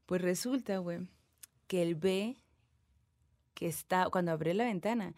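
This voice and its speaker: A woman's voice: fairly low pitch, unhurried, dry recording. Brief: young Mexican woman, podcast co-host, slangy storytelling, close dry mic. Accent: Mexican Spanish. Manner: slangy, animated retelling with acted whispers. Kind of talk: casual storytelling.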